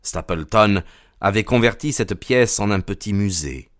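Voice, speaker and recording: A man's voice: fairly low pitch, lively intonation, fairly bright tone, no room sound, clean studio sound. Man narrating a dramatic audiobook. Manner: measured, dramatic storytelling.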